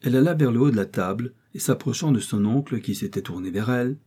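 A man narrating a classic novel in a steady, measured way. His voice is dark and mellow, with a husky grain, and sits at a mid pitch. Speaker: audiobook reader. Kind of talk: scripted storybook narration.

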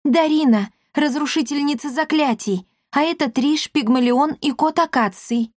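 A woman voicing a young heroine who breaks spells, with a squeaky high voice. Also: animated, moderate pace, dry recording, clean studio sound. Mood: scared. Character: young girl spell-breaker, frightened but bold.

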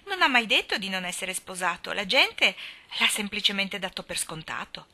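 A woman voicing a lively, earnest teenage girl. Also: medium pitch, moderate pace, heavily acted. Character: imaginative, impulsive red-haired teenage girl.

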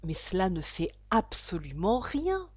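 A woman's voice: on the low side, very animated, measured pace, darkish tone, slightly rough, dry recording, heavily acted. A woman voicing Alice, a polite, easily flustered young girl, in a storybook reading. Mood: musing.

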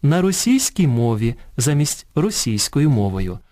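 A man presenting a scripted educational radio programme. He reads in a measured way, contrasting correct and incorrect forms one by one. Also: mid-range voice, very animated, dark tone. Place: radio studio.

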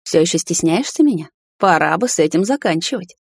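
A woman voicing a gentle, devoted male hunter husband who speaks softly and coaxingly in an audiobook. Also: fairly low pitch, lively intonation, brisk, gravelly, breathy edge, no room sound, studio quality, exaggerated voice. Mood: tender, hushed. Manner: soft, hushed and coaxing.

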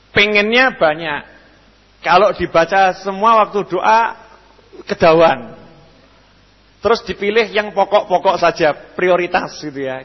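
At a mosque study session, a young Javanese man gives a lively religious lecture answering questions. He acts out the people he quotes with sudden leaps in pitch and loudness. The radio recording from the hall sounds dull and echoey.

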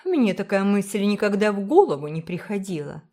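A woman voicing a brisk, kindly older village woman who speaks firmly and emphatically. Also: medium pitch, very animated, mellow, pitched above the performer's own voice. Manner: firm, emphatic, motherly.

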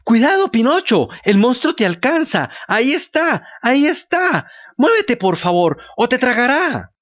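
A sweet little nanny goat , as a male storyteller puts her on, bleats out high, urgent warnings. Her voice leaps up and down in lively swings. The recording is dull and lo-fi, like an old radio storybook. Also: unhurried, heavily acted.

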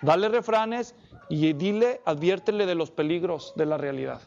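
Male preacher, high-pitched, lively sermon delivery that fires questions at the listeners; slightly muffled recording. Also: normal speed, creaky. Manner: animated, asks the congregation many questions.

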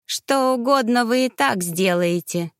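A woman's voice: mid-range voice, unhurried, fairly bright tone, no room sound, studio quality, close to an everyday voice. A woman voicing an arrogant, spiteful young boy heir with a sneering, haughty manner in an audiobook.

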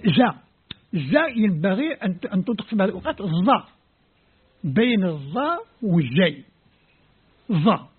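Algerian sheikh, kabyle native, explaining letters step by step, husky high voice, tinny phone-like sound. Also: male voice. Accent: Algerian Arabic. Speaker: Islamic scholar lecturing. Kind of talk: explanatory lecture.

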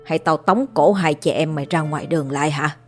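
A coarse, domineering old rich landlord, read by a woman narrator in a storybook horror tale. The voice sits a little low and barks orders in a gruff, slurring way. Quiet music runs faintly beneath. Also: fairly quick.

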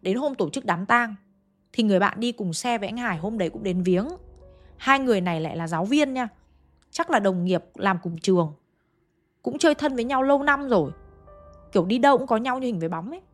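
A woman's voice: on the high side, expressive, a little fast. A woman telling a ghost story in a chatty, conversational way, often speaking straight to her listeners. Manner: chatty, addresses listeners directly. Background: faint background music.

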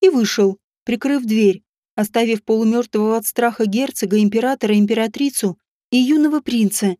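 A woman narrating a fantasy audiobook in an expressive storytelling manner. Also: a little high, a little fast, no echo, studio quality. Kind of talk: scripted narration.

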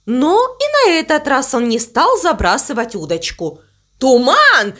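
A woman calmly narrating a children's story in a gently expressive way. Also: high-pitched, moderate pace.

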